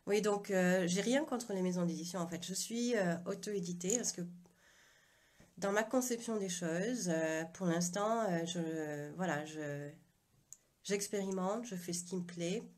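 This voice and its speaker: A woman author chats casually on a live video stream from her phone, her voice fairly low, a little mellow, and measured in pace. She's hesitant, with lots of fillers and restarts, and speaks with an unusual accent she calls her own.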